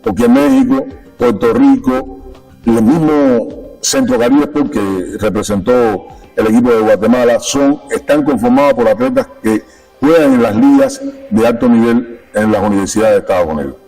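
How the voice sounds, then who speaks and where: A man's voice: mid-range voice, moderate pace, dark tone, recorded from a distance, faint music behind, low-quality recording. A Cuban-born man speaking as a sports official guest in a conversational interview, emphatic and repeating his key points. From Cuba.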